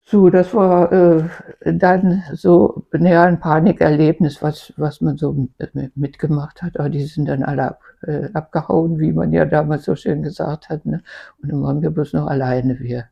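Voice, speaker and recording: Grandmother, 80s, from East Germany. Creaky voice, casual halting reminiscence. Muffled home recording. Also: low-pitched, steady tone. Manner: halting, searching for words. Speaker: grandmother recounting her life.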